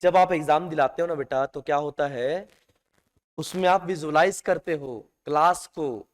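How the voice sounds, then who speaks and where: A man with a slightly high voice lectures a classroom at a moderate pace, drawing out the words he stresses and addressing his students as "beta." The recording carries a long hall reverb.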